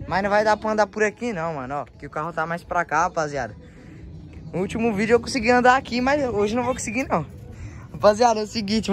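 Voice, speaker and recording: A young man with a São Paulo Brazilian accent, chatting casually and excitably in slang to a handheld phone outdoors as he vlogs. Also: high-pitched. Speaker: vlogger. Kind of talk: casual vlog chat. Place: outdoors in a residential yard. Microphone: handheld phone, held by the speaker.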